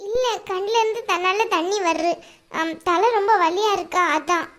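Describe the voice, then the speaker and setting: A weary young daughter-in-law in a cartoon, voiced by a woman, meek and soft-spoken. The voice is very high and bright. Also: moderate pace. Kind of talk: cartoon voice acting.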